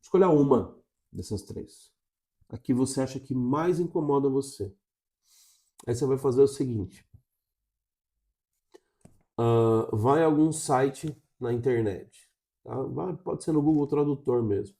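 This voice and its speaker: Brazilian male teacher, warm mellow tone, direct-to-camera coaching delivery. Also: medium pitch, unhurried, vocal fry, long pauses. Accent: Brazilian Portuguese. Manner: coaching, checks in with frequent "tá?". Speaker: English teacher.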